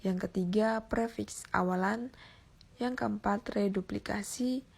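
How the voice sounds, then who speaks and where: Young woman, husky tone, gravelly edges, reading a class presentation from notes, steady delivery. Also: medium pitch, a little slow. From Indonesia. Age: young adult. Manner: reads steadily from notes, with small restarts. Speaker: university student presenting. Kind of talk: read-aloud class presentation.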